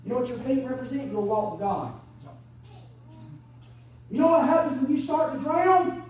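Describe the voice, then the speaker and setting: Woman preacher, 30s, swings from hushed to shouting, echoey church, distant mic. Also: high voice, lively intonation, normal speed, slight background noise. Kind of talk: sermon. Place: church sanctuary.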